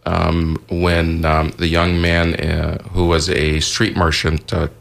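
A man's voice: low voice, completely flat delivery, slow pace, gravelly, a bit bright. A man from Egypt co-hosting a live radio talk show in a studio, explaining events hesitantly with many fillers and restarts.

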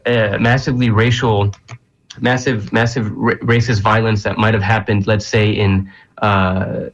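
A man of Palestinian American background answering interview questions earnestly, often pausing with fillers. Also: on the low side, fairly bright tone, muffled recording. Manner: earnest, searching for words with frequent fillers. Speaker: guest.

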